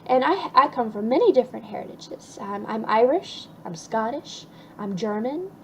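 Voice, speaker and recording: A woman's voice: on the high side, animated, moderate pace, a bit bright, a little hiss or hum, low-quality recording. A young woman chatting casually through a list of her favorite things, upbeat with lots of ums and restarts. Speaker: vlogger.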